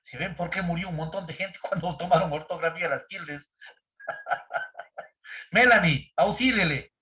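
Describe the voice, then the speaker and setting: A male teacher leads a grammar lesson over a computer mic. His voice sits a little high for a man, and he keeps checking in with his students and tossing questions at them. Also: a little slow, bright, forceful tone. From Ecuador. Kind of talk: online grammar class.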